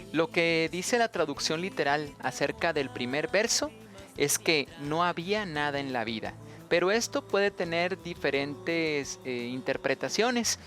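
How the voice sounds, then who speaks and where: Mexican man, methodical songwriting teacher, slightly high voice, faint music under it. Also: a bit bright. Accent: Mexican Spanish. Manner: patient, methodical, chants rhythm syllables. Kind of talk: instructional explanation.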